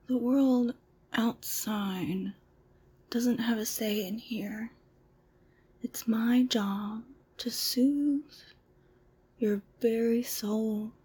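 A woman doing an ASMR roleplay as a masseuse, talking in a soft, soothing, mostly whispered, breathy voice. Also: a little high, very slow, long pauses.

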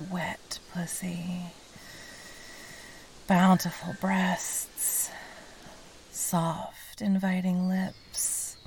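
Woman doing whispered role-play as a seductive temptress, honeyed and breathy, really slow, bit of creaky fry. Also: on the low side, a little hiss or hum. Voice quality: soft, breathy, velvety. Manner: honeyed, sultry, coaxing. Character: seductive, indulgent temptress coaxing a listener.

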